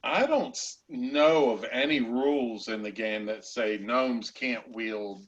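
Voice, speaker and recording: A man acting as game master, narrating and explaining a tabletop game haltingly, pausing mid-sentence. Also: medium pitch, highs cut off.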